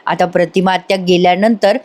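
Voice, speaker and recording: A woman's voice: fairly low pitch, fairly even intonation, moderate pace, a little mellow. A woman giving a chatty voice-over recap of a TV serial episode, talking straight to viewers and adding her own opinions. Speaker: TV serial reviewer.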